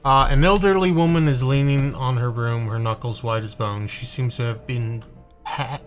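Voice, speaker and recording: A man's voice: medium pitch, moderate pace, faint music behind. A male streamer reading a game's dialogue and narration aloud, hesitant and full of "uh"s. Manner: hesitant, with many "uh"s.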